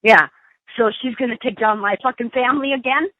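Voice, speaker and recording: A woman comes through a prison phone line, high-pitched and tinny, snapping back with blunt, cursing answers. The line is narrow and thin, and her voice sounds dry and close. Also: fairly quick, dry recording. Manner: blunt, angry, swearing. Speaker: inmate's sister on a call.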